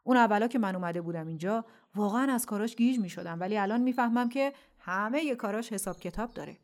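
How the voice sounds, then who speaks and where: A woman voicing a kind, wise wandering storyteller bird in a children's audio story, speaking in a warm, reassuring way. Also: mid-range voice, lightly acted. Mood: cheerful.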